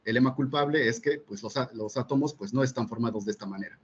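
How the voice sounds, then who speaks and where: A man, a physics teacher presenting at a seminar, measured and full of fillers and checking questions. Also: medium pitch, slightly rough, highs cut off. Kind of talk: explanatory academic presentation.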